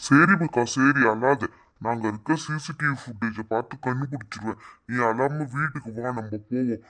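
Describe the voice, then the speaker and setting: A fatherly cartoon policeman comforts his daughter, voiced by a man. His voice is mid-pitched and kind. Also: moderate pace, a bit bright, natural voice. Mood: comforting. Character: caring police officer father.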